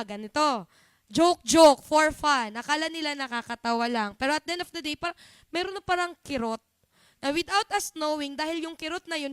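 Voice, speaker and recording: A woman's voice: high-pitched, fairly bright tone, no room sound. A woman preacher with a Filipino accent, teaching a church group and often checking in with the listeners. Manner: Taglish, often asks "di ba?" and "Amen?".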